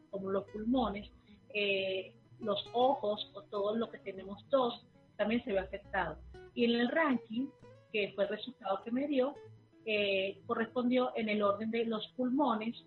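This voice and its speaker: A Venezuelan woman, a therapist and guest, answering interview questions quickly, with many fillers and restarts. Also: on the high side. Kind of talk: remote interview. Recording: tinny phone line.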